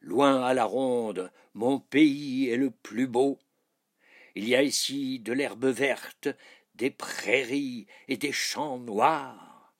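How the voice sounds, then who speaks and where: A man reading aloud and doing a boastful storybook king, childlike and bossy, who keeps raising his voice above the husky narration. The voice swings widely as he brags and gives orders, and the pace is slow. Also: medium pitch, very animated, exaggerated voice. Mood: grandiose. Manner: proud and commanding, often shouting.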